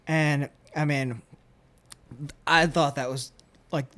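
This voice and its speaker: A man's voice: on the high side, steady tone, slow, sharp tone. A man hosting a casual interview, enthusiastic and rambling. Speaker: podcast host.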